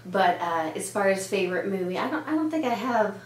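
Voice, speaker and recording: In an echoey room with a faint hum, a Danish-born woman in her thirties, whose first language is Danish, answers interview questions as a pediatrician. Her medium-pitched voice is expressive and brisk, and she chats away with lots of "uh" and "um."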